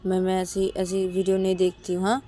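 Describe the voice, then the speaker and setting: A woman voicing Shruti, a defensive, quick-tempered young woman who repeats herself insistently. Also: medium pitch, completely flat delivery, dark tone, natural voice. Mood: pleading.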